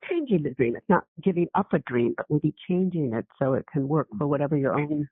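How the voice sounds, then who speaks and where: A woman's voice: deep voice, lively intonation, fairly quick, husky, no echo. A woman hosting a radio interview, asking thoughtful, empathetic questions. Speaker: radio show host. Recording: dry, phone-like line.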